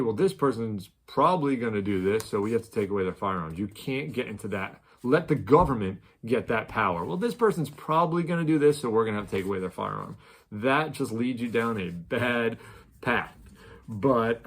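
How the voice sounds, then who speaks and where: A man hosting a weekly show, talking casually to camera, rambling with many ums and restarts and sudden louder bursts on key points. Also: fairly low pitch. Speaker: show host.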